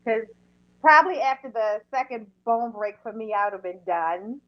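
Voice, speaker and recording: A woman's voice: a little high, animated, normal speed. A woman hosting a casual interview show in a chatty, informal way. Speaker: podcast host. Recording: dull lo-fi audio.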